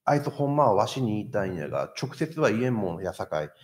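A man quoting an older male senior performer who speaks in a Kansai accent, apologetic and gruff. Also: fairly low pitch, big pitch swings, fast, darkish tone, voice pushed down.

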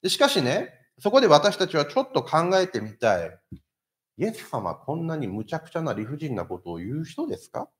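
A man's voice: fairly high pitch, normal speed. A man preaching a sermon as pastor, asking the congregation rhetorical questions. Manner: lively, asks the listeners rhetorical questions.

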